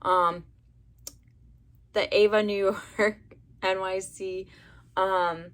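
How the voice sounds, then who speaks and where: A young adult woman from the United States with a raspy voice, rambling chattily through a casual hair color review. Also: medium pitch, little pitch movement, very slow, a bit bright. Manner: rambling, chatty, many fillers. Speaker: beauty vlogger.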